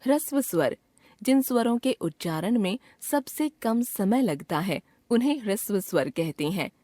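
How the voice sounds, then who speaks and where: A woman's voice: medium pitch, expressive, warm tone, dry recording. A woman reading out a scripted grammar lesson as a teacher, carefully drawing out each sound she names. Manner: slow, careful, drawn-out enunciation of sounds.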